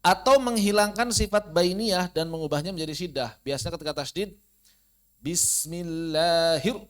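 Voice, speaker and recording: A man with an Indonesian accent teaching Quran recitation online, repeating syllables loudly to demonstrate each sound. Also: sits high, fairly quick. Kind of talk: online tajwid lesson.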